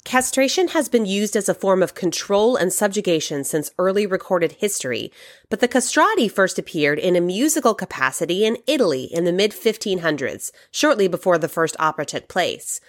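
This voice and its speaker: A woman's voice: mid-range voice, very animated, a little fast. A woman hosting a podcast, reading scripted narration in an upbeat, welcoming show-host manner.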